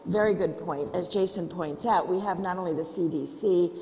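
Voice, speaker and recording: A woman speaking on a panel in a measured, reflective way about her organization. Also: fairly low pitch, vocal fry, mellow, a little hiss or hum. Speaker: panelist, nonprofit leader. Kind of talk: panel discussion. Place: lecture hall. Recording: reverberant hall, faint ambience.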